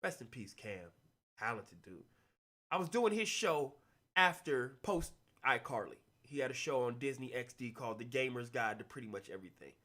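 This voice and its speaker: A young adult man telling stories casually, animated, acting out the quotes with big jumps in his voice. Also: medium pitch, normal speed. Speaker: actor telling stories on a talk stream. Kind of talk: casual storytelling.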